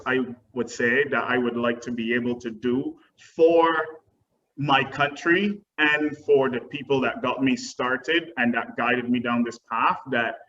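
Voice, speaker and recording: Dull, distant video-call audio with faint noise carries a young Barbadian man's mid-range, fairly bright voice. He's a guest dance teacher answering webinar questions earnestly, with frequent ums.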